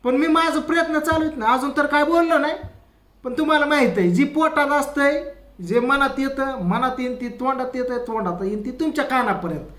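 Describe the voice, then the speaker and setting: Man, very high pitch, comedic rant, echoey room. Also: brisk, a bit bright. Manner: ranting, retelling quarrels with quoted voices. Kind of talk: rural family-drama comedy monologue.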